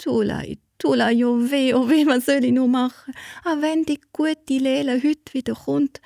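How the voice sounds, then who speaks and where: A woman's voice: fairly even intonation, measured pace, vocal fry, warm tone, dry recording, clean studio sound, full character voice. A woman doing a wailing, weepy lazy girl. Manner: high whiny wailing, stammering.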